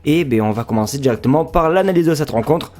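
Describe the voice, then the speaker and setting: A man's voice: fairly high pitch, expressive, fast, a little mellow, soft background music. A young man hosting a football channel, giving a casual pre-match analysis in a chatty, friendly way with many fillers.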